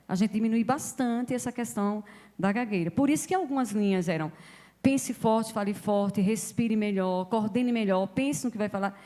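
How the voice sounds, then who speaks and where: A woman's voice: on the high side, a little mellow, in a large hall. A woman speech therapist explaining patiently, giving examples to an audience. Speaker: speech therapist guest speaker. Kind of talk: explanatory talk.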